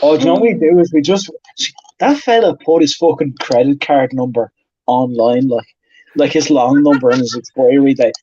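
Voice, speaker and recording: A man's voice: medium pitch, moderate pace, dark tone, husky, dull audio. A man in casual stream chat who swears constantly, jokes and laughs a lot. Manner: profane, joking, laughs often.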